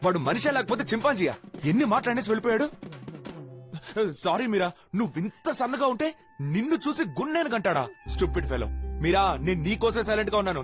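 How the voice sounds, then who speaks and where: A man's voice: high voice, animated, a bit bright, faint music behind. An actor playing an eager, lovestruck young man who fawns over a girl in a Telugu accent. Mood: fawning. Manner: fawning, rapid-fire.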